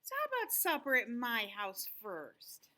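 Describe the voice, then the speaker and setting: A woman's voice: on the high side, wildly swooping pitch, a little slow, sharp tone, slight background noise, full character voice. A woman voicing a fat little male rabbit, eager, proud and friendly, in a children's storybook. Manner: eager, chirpy. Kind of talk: storybook character voice.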